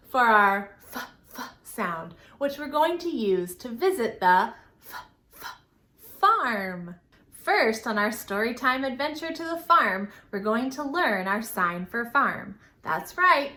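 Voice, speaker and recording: This children's storytime is hosted by a woman whose voice sits high. Animated and exaggerated, she teaches in simple, encouraging phrases, asks questions, and slips into sing-song, all in a roomy, echoing room.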